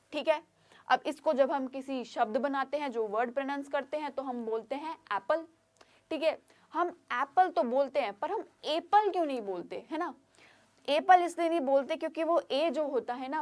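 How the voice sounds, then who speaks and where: High-voiced chatty woman teacher. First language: Hindi. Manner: chatty, addresses students as kids. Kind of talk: online English pronunciation lesson.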